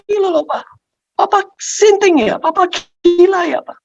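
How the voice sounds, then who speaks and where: A man voicing a young son who is a reluctant thief, shrill and agitated, on a dull lo-fi sermon recording. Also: lively intonation, normal speed. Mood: outraged. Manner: shouting, agitated.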